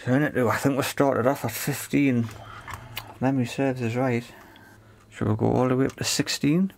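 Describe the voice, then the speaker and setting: A repair video presenter gives hands-on commentary, talking tentatively to himself as he works. His medium-pitched voice has vocal fry and fairly even intonation at a normal speed, with slight background noise.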